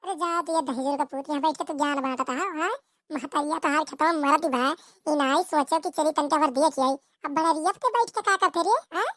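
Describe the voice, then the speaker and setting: A woman's voice: high-pitched, a little fast, a bit bright, no room sound, clean studio sound. A woman with an Awadhi accent voicing a short-tempered village mother in a cartoon comedy, nagging and repeating her rebukes. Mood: scolding.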